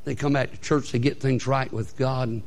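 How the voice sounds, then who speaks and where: A male pastor preaching a sermon, building to shouted peaks and stretching words out for emphasis. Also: medium pitch, fairly even intonation, normal speed.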